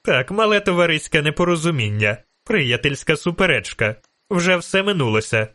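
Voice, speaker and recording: A man voicing a fussy, nervous male bard who squeals and then soothes in a raised, high voice. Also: very animated, moderate pace, sharp tone. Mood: soothing.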